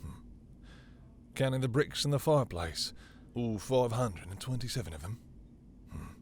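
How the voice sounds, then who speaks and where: Playing a possessive, domineering vampire master in an intimate audio roleplay, a man speaks with a breathy, gravelly murmur, slow and silky and teasing. His medium-pitched voice is animated and lightly acted, courteous but flirtatious, with a little hiss or hum.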